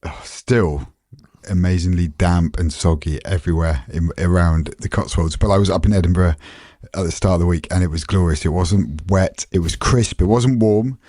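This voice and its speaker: A sleep-deprived man co-hosting a podcast, relaxed and wry in casual chat. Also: low-pitched, normal speed, dry recording, clean studio sound. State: short on sleep. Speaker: podcast co-host.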